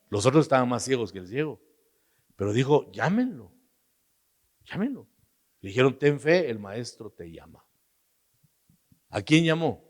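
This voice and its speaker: Guatemalan man preaching in a reverberant hall. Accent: Guatemalan Spanish. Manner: preaching with sudden loud, high outbursts and hushed asides. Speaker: pastor. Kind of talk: sermon.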